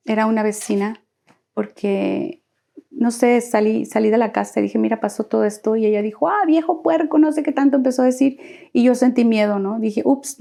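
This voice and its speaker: A woman's voice: fairly high pitch, vocal fry, mellow. Earnest woman telling her story. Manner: earnest, acts out quoted dialogue in a raised voice. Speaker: interview guest. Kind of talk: personal life story in an interview.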